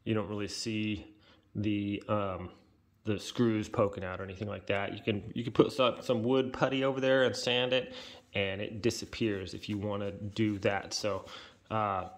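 Low-voiced man rambling through a tool demo. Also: flat delivery. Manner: rambling, halting, many fillers and self-corrections. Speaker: DIY woodworking channel host. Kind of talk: casual hands-on tool demonstration. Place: indoor workshop with concrete floor. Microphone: camera-mounted, hands-only point of view.

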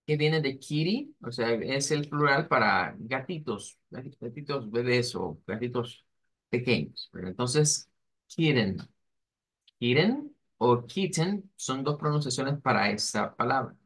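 Slow-speaking man teaching a pronunciation class. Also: mid-range voice, animated, a bit bright. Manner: slow, deliberate, models English words and sentences between Spanish explanations. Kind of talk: online class.

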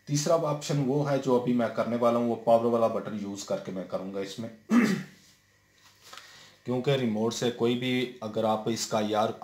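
A man talking through a hands-on TV repair step by step, with frequent fillers and check-ins. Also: fairly low pitch. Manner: explains step by step, many fillers and repeated "theek hai". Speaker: TV repair technician. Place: indoor room at a workbench. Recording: roomy echo with faint noise.

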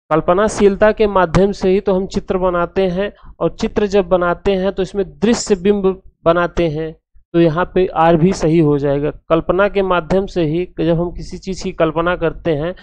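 A man's voice: high-pitched, clean tone, no echo. Man explaining exam answers, dry close sound. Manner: steady, explanatory, restates each point. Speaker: art exam tutor.

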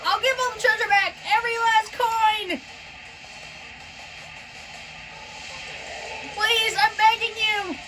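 A woman's voice: high voice, lively intonation, slow. A woman voicing a greedy, bossy but cowardly male genie from a video game in a blustering, theatrical way. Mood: panicked pleading. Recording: far from the mic, game music.

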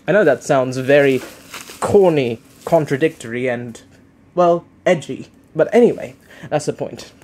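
A man's voice: mid-range voice, measured pace, darkish tone. A young man giving casual, unscripted unboxing commentary, rambling and hesitant as he keeps correcting himself. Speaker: unboxing video host. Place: living room, indoors.

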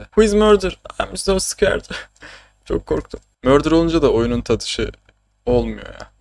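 A young man from Turkey streams a game and chats the whole time, mid-pitched and loose, cracking jokes and swearing freely. He talks in a casual, rambling way with frequent bursts of laughter. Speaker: gaming streamer. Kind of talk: casual gaming commentary.

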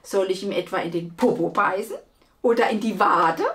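Woman doing a croaky, giggly ink monster. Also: medium pitch, normal speed, a bit bright, natural voice. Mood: cheeky. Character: cheeky male ink monster, gleeful and grubby.

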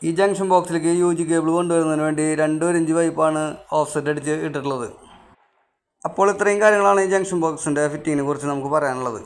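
A man's voice: a little high, fast. A man, an electrician hosting an on-site how-to video, explaining the job in a plain, matter-of-fact way outdoors at a house build site. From Kerala, India. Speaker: electrician and channel host.

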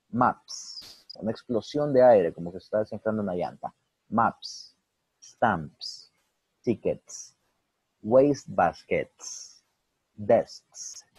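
A man teaches English in a lively bilingual lesson and drills example words slowly. His voice sits low and husky. The sound is dry and a little muffled. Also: no echo.

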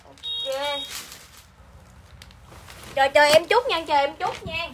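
A woman's voice: extremely high pitch, animated, slow pace, fairly bright tone, slight background noise. A woman with a Southern Vietnamese accent selling clothes on a livestream, chatting and repeating each line to coax her viewers. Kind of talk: live-sale selling chat.

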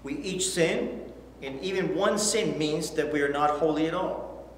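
A middle-aged man with a fairly high voice teaches children a Bible lesson at a measured pace, reading scripture aloud and asking earnest questions. He's indoors on a church studio set with a backdrop, and the recording has an echoey hall sound and faint hiss.

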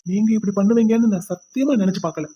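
A woman's voice: mid-range voice, fast, warm tone, breathy edge, lo-fi sound, natural voice. A woman voicing a stern young husband in a cartoon who lectures and scolds. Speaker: cartoon voice actor. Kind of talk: cartoon voice acting.

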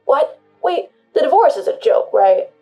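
A woman voicing an entitled husband who shouts demands over the phone. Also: high-pitched, big pitch swings, a little slow, soft background music, pitched above the performer's own voice, heavily acted. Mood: pleading. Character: angry, entitled adult husband.

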